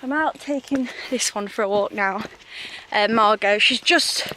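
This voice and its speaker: A woman's voice: medium pitch, unhurried, bright, forceful tone, slight background noise. A young woman in her twenties chatting casually to a handheld camera, rambling and correcting herself as she walks a path outdoors. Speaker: vlogger. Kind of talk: casual vlog chat. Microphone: handheld camera at arm's length.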